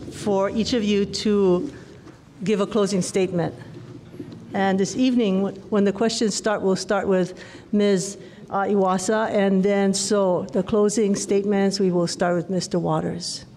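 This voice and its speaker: A woman moderator lays out the forum rules and reads each question aloud in a formal, orderly manner. Her voice is mid-pitched, with faint noise behind it. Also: a little mellow. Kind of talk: formal procedural reading. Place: indoor community meeting room.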